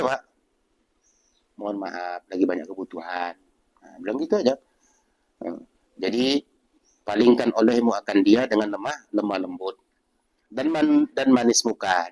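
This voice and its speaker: A man's voice: fairly low pitch, a little mellow, low-quality recording. A man teaching a religious book study, explaining patiently and repeating key words. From North Sumatra. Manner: acts out short everyday exchanges. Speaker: Islamic teacher.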